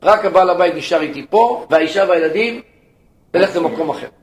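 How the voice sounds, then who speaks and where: A man voicing a stern old sage who gives quiet, firm instructions in a low voice. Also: natural voice. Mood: calm, commanding. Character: stern scholarly old sage, calm and commanding. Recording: echoey room, faint rumble.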